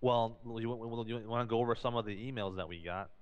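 A man's voice: medium pitch, quick pace, smooth. A man in casual podcast talk, explaining at length and often repeating and restarting his phrases. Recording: dull lo-fi recording.

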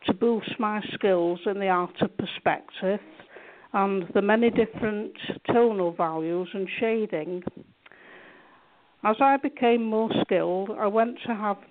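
A woman from England answering interview questions about her art, hesitant, with many fillers and restarts. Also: medium pitch. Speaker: guest artist. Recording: tinny phone line.

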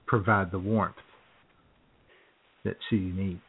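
A man hosts an internet radio show from a home studio in a small town, chatting casually and laid-back with frequent chuckles. His voice is low-pitched, slow, steady in tone and slightly rough. The line sounds tinny, like a phone.

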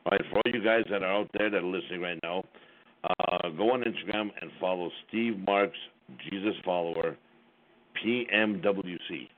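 A man's voice: sits low, moderate pace. A man hosting a casual call-in show, his voice coming through buzzy, glitchy, breaking-up phone audio. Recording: tinny, crackly conference phone line.

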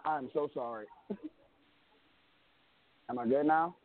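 A man's voice: on the high side, takes it slowly. Give me a man on a podcast call whose voice is muffled as if it comes through a wall. He rambles and restarts his phrases. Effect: muffled, as if heard through a wall. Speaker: podcast co-host. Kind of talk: casual chat over an online call. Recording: muffled, tinny online call line.

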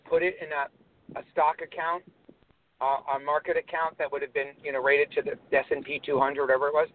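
A man's voice: fairly high pitch, flat delivery, brisk. A man calling into a talk show, ranting heatedly and scornfully, piling up phrase after phrase. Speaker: caller. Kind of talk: casual political rant. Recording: tinny phone line with faint hiss.

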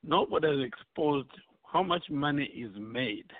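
A man's voice: a little high, animated, unhurried, no room sound. A man from Zambia on a discussion panel, arguing his point and pressing one question after another. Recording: dry phone-like line.

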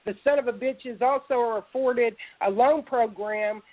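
A woman's voice: fairly high pitch, moderate pace, dry recording. A woman hosting a call-in talk show, blunt and emphatic, with some profanity. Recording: tinny phone-like audio.

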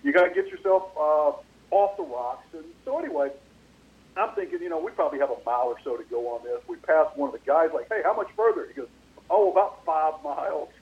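A male sports radio host rambles through a casual story with plenty of fillers and restarts. He comes in over a dull, lo-fi phone line, and his microphone throws a clear echo back behind every phrase. His voice sits a little high for a man. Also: sing-song, brisk, slight background noise.

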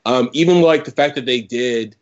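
A man's voice: mid-range voice, moderate pace, lo-fi sound. A man talking as a guest on a casual podcast, enthusiastic and filling his speech with "like". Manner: enthusiastic, lots of "like" fillers. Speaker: podcast guest, entertainment reporter.

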